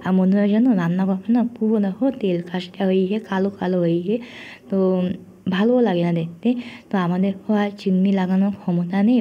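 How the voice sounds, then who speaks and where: A woman with a hoarse voice after a cough, narrating her home cooking vlog in a homely, chatty way to her viewers, with many fillers. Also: medium pitch, highs cut off. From India. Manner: homely chatty talk to friends, frequent fillers. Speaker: cooking vlogger.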